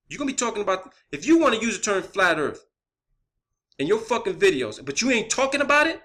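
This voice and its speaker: An online video creator with a high, sharp-toned voice goes on an unscripted, profane rant. He's blunt and emphatic, often repeating phrases to drive his points home.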